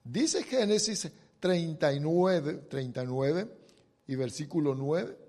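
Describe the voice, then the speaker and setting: A man's voice: fairly high pitch, expressive, slow, warm tone, big-room sound. A middle-aged man preaching a sermon, retelling a Bible story dramatically and talking straight to the listeners. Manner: dramatic storytelling with acted quotes, direct address.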